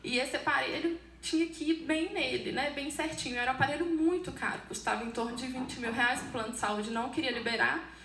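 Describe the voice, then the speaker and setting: A Brazilian woman gives a personal testimony in church, earnest and halting, restarting her sentences as she goes. Her fairly high voice has a gravelly fry, heard from a distance in a roomy hall with faint background noise. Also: bright, forceful tone. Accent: Brazilian Portuguese. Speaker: church member giving testimony.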